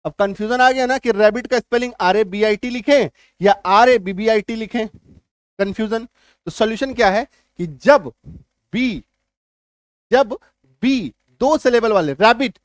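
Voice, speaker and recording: High-voiced man teaching spelling. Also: a little slow, dry recording, clean studio sound. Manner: repeats points, keeps checking if students understand; spells out words letter by letter. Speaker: English teacher. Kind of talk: spelling lesson.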